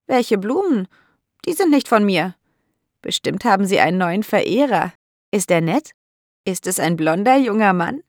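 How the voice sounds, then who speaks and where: A woman's voice: mid-range voice, sing-song, normal speed, no echo, clean studio sound. A woman voicing a lonely, fearful elderly landlady who complains plaintively. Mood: teasing. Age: older.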